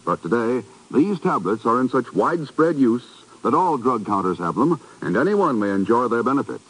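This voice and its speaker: A man with an American accent reading scripted announcements and sponsor pitches in polished, emphatic 1950s radio style. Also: very animated, normal speed, fairly bright tone, husky, low-quality recording. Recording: vintage 1950s radio broadcast. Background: music.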